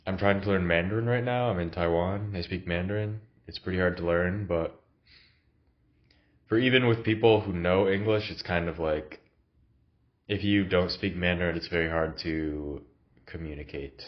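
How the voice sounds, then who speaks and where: This vlogger has a low-pitched voice and speaks at a moderate pace, coughing as he records a laid-back, reflective video in his new apartment. His speech is halting and full of fillers, and the sound quality is lo-fi.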